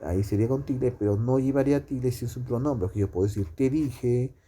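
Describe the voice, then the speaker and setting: A man teaching a grammar lesson, explaining slowly with many fillers and tag questions. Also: medium pitch, dark tone, slightly rough.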